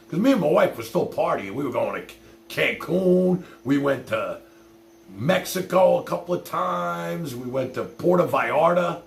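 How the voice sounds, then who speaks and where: A gravelly, mid-range middle-aged livestream host rambles bluntly through casual chat and personal stories for his live viewers, salted with swearing and "you know". Faint hum and noise sit in the roomy, echoing recording.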